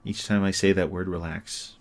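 A man guiding a listener through sleep hypnosis, speaking in a slow, soothing, repetitive way. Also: low voice, flat delivery.

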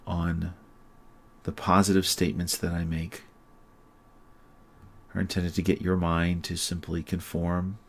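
A man with a very low, level voice leads a sleep hypnosis session. He talks in a slow, soothing and repetitive way. His pitch barely moves as he guides the listener deeper into calm.

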